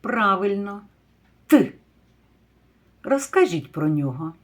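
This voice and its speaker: Slow, husky woman teaching phonics. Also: mid-range voice, sing-song. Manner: slow, drawn-out word sounding with praise and questions. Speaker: kindergarten teacher. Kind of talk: phonics lesson for young children.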